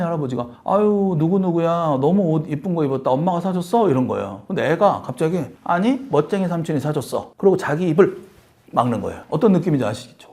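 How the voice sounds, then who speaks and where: A man in his fifties, a private detective, telling anecdotes in an interview and acting out the people he quotes. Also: fairly high pitch. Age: 50s. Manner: animated storyteller, acts out quoted voices.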